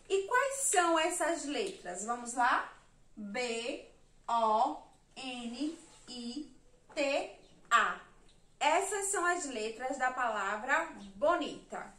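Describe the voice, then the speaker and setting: A woman's voice: high voice, fairly bright tone. A Brazilian woman teaching young children in a remote lesson, patiently counting letters and syllables aloud. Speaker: primary school teacher. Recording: echoey room, mic at a distance.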